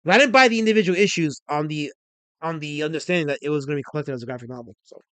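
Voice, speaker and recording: Excitable high-voiced man in his forties. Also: very fast, clear, resonant tone, no echo. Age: 40s. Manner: excitable, rambling, reads chat messages aloud. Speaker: livestream host. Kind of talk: casual livestream chat.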